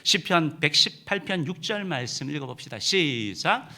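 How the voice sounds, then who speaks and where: Middle-aged male pastor, bright ringing tone, emphatic sermon delivery with frequent "uh" pauses. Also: on the high side, animated, slight background noise. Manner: emphatic preaching with many filler "uh"s. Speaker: senior pastor.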